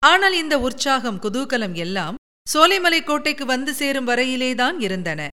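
Bright-voiced woman reading a novel. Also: high-pitched. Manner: expressive storytelling. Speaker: narrator.

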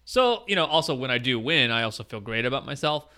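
Bright, clear-voiced male host. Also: medium pitch, animated, quick pace. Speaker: host and league commissioner. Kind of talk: casual sports chat.

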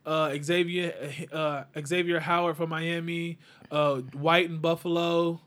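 A man arguing football casually, slangy, pausing on "uh" fillers while searching for names. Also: on the high side, level tone, fairly bright tone, clear, resonant tone. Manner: argumentative, hesitant fillers, slangy.

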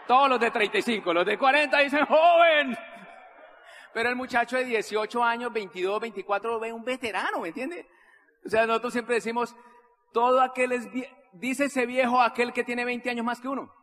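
A man's voice: extremely high pitch, brisk, in a large hall. A Colombian man giving a motivational talk to a live audience, telling a story and acting out the dialogue with many repetitions. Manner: animated, acts out dialogue with repetitions. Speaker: motivational speaker.

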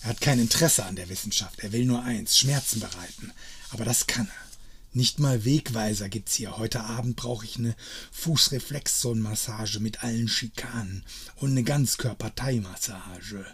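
A man's voice: lowish voice, moderate pace, fairly bright tone, husky. A man narrating stories aloud in a dry, wry reading style. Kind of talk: scripted story reading.

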